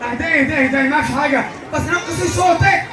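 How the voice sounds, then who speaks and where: An actor with a Yemeni Arabic accent playing an exasperated young man in a stage comedy, loud and frantic. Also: very high-pitched, fast talker. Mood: pleading. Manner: loud, frantic, often shouting. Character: exasperated young man caring for a troubled friend. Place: large theater stage before a live audience. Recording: echoey hall, distant mic, loud crowd noise.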